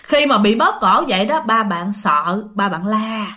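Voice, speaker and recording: Lively bright woman storyteller. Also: mid-range voice, a little slow. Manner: chatty, addresses listeners directly. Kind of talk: casual spoken ghost-story narration.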